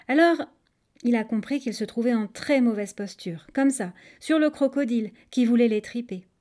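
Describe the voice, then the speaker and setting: A storyteller with a fairly high-pitched voice narrates a children's tale at a moderate pace. She is expressive and speaks straight to her listeners.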